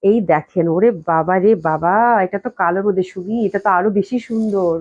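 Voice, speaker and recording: A woman's voice: medium pitch, fairly quick, a little mellow, dull audio. A woman hosting a live online sale of dresses from her office, gushing with enthusiasm and repeating her praise, while she recovers from a cold and keeps coughing. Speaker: clothing shop owner selling dresses live. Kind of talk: live online sales stream. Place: indoors at the company office.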